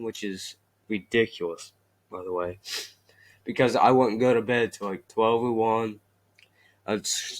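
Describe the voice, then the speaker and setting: A young man vlogging about self-improvement, talking in a deliberately monotone way with halting restarts. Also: medium pitch. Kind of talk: casual self-improvement vlog.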